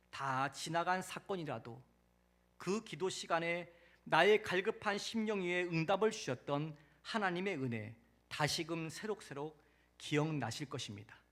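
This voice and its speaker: A male pastor preaching a sermon in a church, telling a story dramatically with loud emphatic peaks and soft, dropping sentence endings. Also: high voice.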